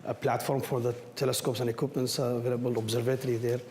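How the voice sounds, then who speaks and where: Hoarse man, non-native English, echoey room. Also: mid-range voice, little pitch movement, a little mellow. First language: not English. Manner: halting, repeats words and phrases. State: hoarse from a cold, voice nearly gone. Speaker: speaker from an astronomy group taking audience questions. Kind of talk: public question-and-answer talk. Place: indoor room with audience. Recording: echoey room, some background noise.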